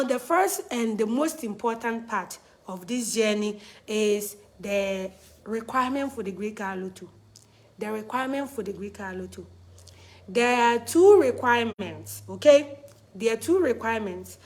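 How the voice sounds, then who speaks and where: A woman with a Ghanaian accent hosting a live explainer, speaking in an instructive, emphatic way and repeating her key points. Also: fairly high pitch. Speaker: host of a livestream advising visa lottery applicants.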